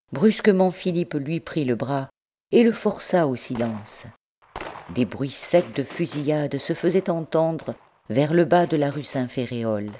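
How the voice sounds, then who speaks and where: Slow, mellow woman reading a novel aloud. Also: very deep voice. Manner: slow, measured reading with lifted voices in quoted speech. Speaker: audiobook reader. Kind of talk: scripted narration.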